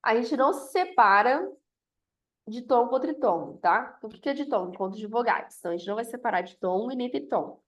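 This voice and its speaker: A woman's voice: a little high, expressive, brisk, lo-fi sound. Woman teaching a grammar review. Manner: explanatory, checks in with "ok?" often.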